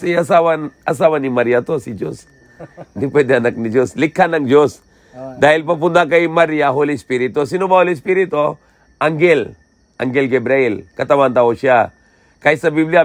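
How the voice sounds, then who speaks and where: A male preacher gives a plain religious talk in a mid-pitched voice. He speaks in short, simple phrases, keeps asking questions and answering them himself, and keeps checking in with his listeners. The recording sounds dry and close. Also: no room sound. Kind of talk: religious lecture.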